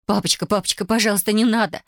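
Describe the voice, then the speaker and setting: A woman's voice: medium pitch, expressive, fairly quick, a bit bright, no echo, clean studio sound. A woman reading an audiobook, voicing a tearful older sister who pleads in a trembling voice. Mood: pleading.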